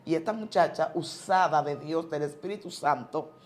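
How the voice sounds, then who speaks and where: A woman's voice: low-pitched, normal speed. A woman pastor from the tells a personal religious testimony, an emotional storyteller who repeats and restarts words.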